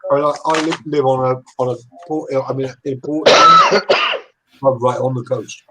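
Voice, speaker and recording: A man's voice: medium pitch, huge pitch swings, unhurried, heavy background noise. A man, joking about getting old and swearing on a video call. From Wales. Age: 50s. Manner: self-mocking, swearing. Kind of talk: casual banter on a video call.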